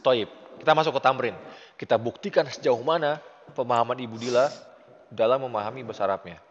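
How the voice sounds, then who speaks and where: A man's voice: medium pitch, quick pace, slight background noise. Man, Indonesian accent, Arabic tutor, casual lesson, encouraging, long reverb, dull sound. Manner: patient, encouraging, praises often. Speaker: Arabic teacher. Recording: muffled audio with long reverb.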